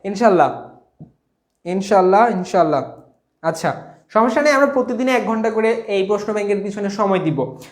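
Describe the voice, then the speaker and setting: A man's voice: sits high, expressive, moderate pace, pauses often, echoey room. A man from Bangladesh teaching a live online exam-prep class, reading out questions, quizzing viewers and repeating key answers.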